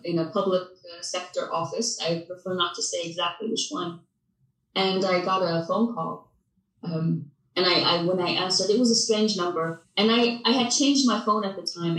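Hesitant woman, distant and roomy. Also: on the low side. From Mosul, Iraq. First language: Arabic. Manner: hesitant, soft-spoken, with fillers and restarts. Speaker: interviewee, witness. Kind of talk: personal testimony.

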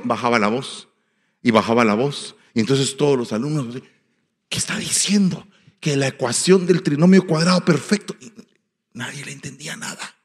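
A man with a Guatemalan Spanish accent preaching as a pastor, telling folksy stories in an animated way, swinging between soft asides and loud exclamations. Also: mid-range voice. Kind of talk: storytelling sermon. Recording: long hall reverb.

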